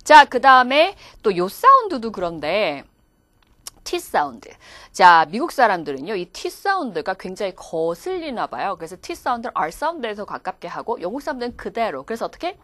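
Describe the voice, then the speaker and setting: A woman's voice: medium pitch, big pitch swings, normal speed, fairly bright tone, no echo. A woman teaching English pronunciation in a video lecture, demonstrating words aloud as she explains.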